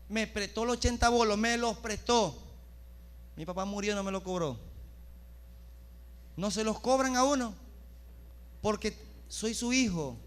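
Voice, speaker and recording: A man's voice: high-pitched, fairly bright tone. A middle-aged man from Venezuela preaching a church sermon, asking his congregation questions and acting out little dialogues as he goes. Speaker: pastor.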